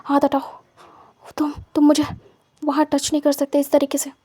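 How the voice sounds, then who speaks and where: Woman performing a young man begging in pain; high, strained, broken repeats. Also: monotone, normal speed, warm tone, lightly acted. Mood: pleading. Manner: desperate, pleading, broken repeats. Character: young man, proud alpha, pleading in pain.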